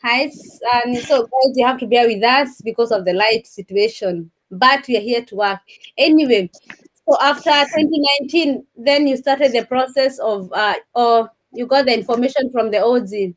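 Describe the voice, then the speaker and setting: A woman hosting a casual online interview, chatty and warm with her audience, filling pauses with many uh's and mm-hmm's. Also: fairly high pitch. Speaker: host. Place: room in Germany.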